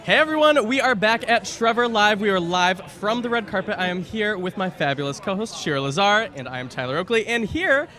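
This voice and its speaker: Guy hosting a red carpet, gushy chatter, bright highish voice, outside. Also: animated, brisk, few pauses. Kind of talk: live red carpet interviewing. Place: outdoors on a red carpet at an event.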